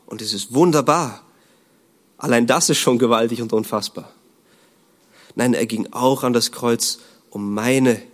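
An earnest male preacher delivering a sermon at a mid pitch. He poses rhetorical questions to his listeners and sinks into a low, hushed voice on heavy lines.

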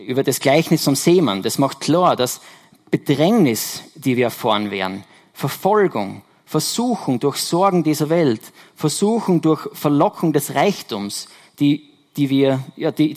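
A man delivers a Sunday sermon in an explanatory, conversational way. He pauses to correct himself and stresses key words by repeating them. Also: a little high. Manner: explanatory, self-correcting, emphatic repetitions. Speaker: preacher.

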